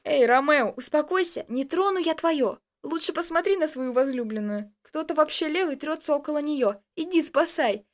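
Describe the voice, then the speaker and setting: A cheeky young friend with a mocking, teasing way of talking, voiced by a woman reading a story aloud. His voice sits high. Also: expressive, fairly quick.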